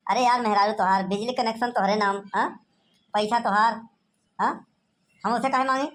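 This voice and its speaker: A woman's voice: on the high side, fairly even intonation, moderate pace, fairly bright tone, close to an everyday voice. A woman voicing a brusque, impatient male electricity officer in a cartoon, blunt and exasperated, with an Awadhi accent. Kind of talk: cartoon voice acting.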